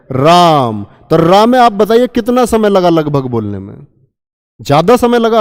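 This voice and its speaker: A man's voice: high-pitched, darkish tone, long reverb tail. A man teaching a Hindi grammar lesson, quizzing his students with repeated questions and stretching out sounds to demonstrate them. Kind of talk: online exam-prep lesson.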